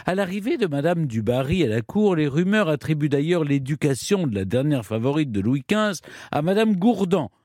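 A man telling a history story in measured, scripted narration with dramatic pauses. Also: a little high, big pitch swings, warm tone, no echo, clean studio sound.

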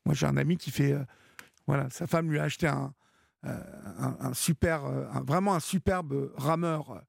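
A man's voice: a little high, fairly even intonation, moderate pace, creaky, slightly rough, dry recording, clean studio sound. A man hosting a late-night radio call-in show, giving advice with many hesitations and restarts. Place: radio studio.

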